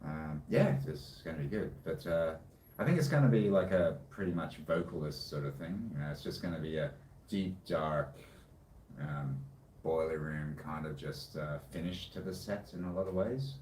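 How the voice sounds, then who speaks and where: A man's voice: a bass voice, moderate pace, a little mellow. A man, chatting casually in a laid-back, rambling way. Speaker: co-host and hobby music producer. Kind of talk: casual chat. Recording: roomy, distant, faint background noise.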